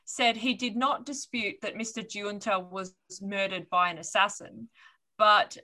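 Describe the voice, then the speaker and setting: Bright-voiced woman, chatty host. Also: medium pitch, fairly even intonation, unhurried. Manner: loose, hedging, many fillers. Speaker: podcast host reading the story. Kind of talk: casual chat.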